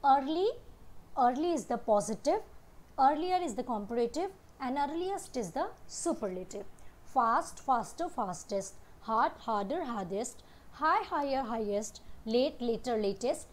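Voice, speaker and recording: A woman with an Indian English accent teaches a grammar lesson, slipping between English and Hindi explanations. Her voice sits high, and she speaks very slowly, stretching out each example word as she lists them. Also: lively intonation. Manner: slow, drawn-out reading of word lists.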